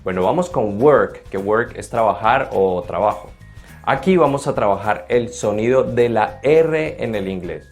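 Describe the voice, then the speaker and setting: A man giving an English lesson, explaining verb endings methodically and spelling out each example slowly. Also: fairly low pitch, animated. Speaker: English teacher. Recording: roomy echo with faint background music.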